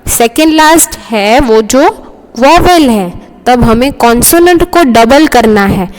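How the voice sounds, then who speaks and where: A woman's voice: on the high side, lively intonation, unhurried, big-room sound. A woman teaching a school grammar lesson, explaining step by step in Hindi and English and often checking with "okay?".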